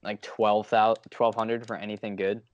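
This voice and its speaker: A man's voice: lowish voice, little pitch movement, moderate pace, lo-fi sound, a crowd in the background. A man chatting casually about sports as a podcast co-host.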